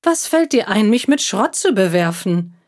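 A woman voicing a curious, spirited young female cat in a children's story, speaking in a lively way. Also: medium pitch, moderate pace, lightly acted. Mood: indignant.

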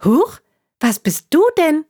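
A woman's voice: sits high, big pitch swings, slow pace, warm tone, pitched above the performer's own voice, heavily acted. A woman voicing a chatty, naive talking juice box in a children's story, with a raised, curious voice. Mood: naive chatter.

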